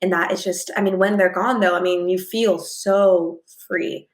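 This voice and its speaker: A woman's voice: lowish voice, fairly even intonation, normal speed. A young woman hosting a wellness podcast, reflecting earnestly on her guest's story. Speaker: podcast host. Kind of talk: casual interview chat.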